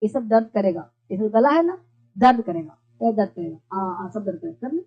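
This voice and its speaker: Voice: medium pitch, sing-song, a little fast. A teacher giving a classroom-style lesson who keeps repeating points and asks and answers their own questions. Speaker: English teacher. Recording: dull lo-fi recording.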